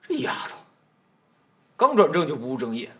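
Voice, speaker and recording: An actor playing a flustered young master of a household in a comedic period TV drama, scolding and coaxing by turns in an exasperated way. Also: male voice, on the high side, huge pitch swings, moderate pace, a little hiss or hum. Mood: lecturing. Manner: exasperated, scolding, jumps between coaxing and alarm. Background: background music.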